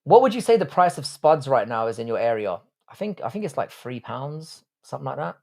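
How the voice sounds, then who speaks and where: A man in his thirties, from Ireland but raised in southwest London and speaking with a London accent, hosts a live stream and answers viewer comments in a blunt, profane, joking way. His medium-pitched voice is sing-song, fairly quick, gravelly and a little mellow.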